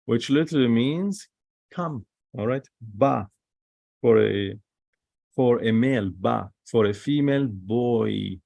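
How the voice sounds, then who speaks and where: A man teaching the Hebrew alphabet, repeating each sound slowly and with non-native phrasing. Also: medium pitch, vocal fry, warm tone, dry recording. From Holy Land. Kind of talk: classroom lesson.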